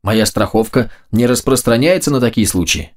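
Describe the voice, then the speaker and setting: A man voicing a shrill, spiteful old woman landlady who shrieks and hisses accusations, in an audiobook reading. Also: normal speed, close to an everyday voice. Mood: shrill accusing.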